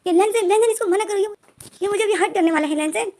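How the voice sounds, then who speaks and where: A woman plays a terrified young man screaming for rescue in a spoken storybook recap. His cries come high-pitched and hurried. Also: a little mellow. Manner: screaming pleas. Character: frightened young man crying for help.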